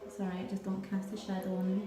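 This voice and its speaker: A woman's voice: medium pitch, completely flat delivery, fast, mellow, roomy sound, faint music behind. A woman nail technician giving a chatty live tutorial, quizzing and teasing her viewers.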